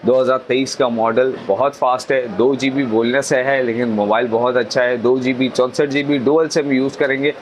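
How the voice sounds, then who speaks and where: A man's voice: medium pitch, steady tone, normal speed, hardly any pauses, slight background noise. A man with a Pakistani accent presenting products for a phone shop in a repetitive, salesman-like promotional patter. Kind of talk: promotional sales pitch listing phone models and prices.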